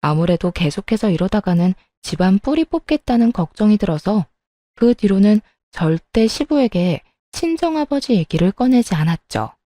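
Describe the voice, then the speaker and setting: Female narrator, calm confiding storytelling, mellow warm tone, dry close recording. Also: mid-range voice, normal speed, no room sound. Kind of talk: scripted first-person story narration.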